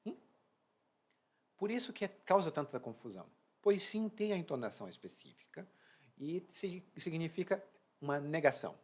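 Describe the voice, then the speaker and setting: A man's voice: on the high side, normal speed, slightly rough. A man with a Brazilian accent, a Portuguese teacher explaining a reading to learners and acting out quoted phrases, talking at home. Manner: animated, acts out quoted phrases. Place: at home indoors.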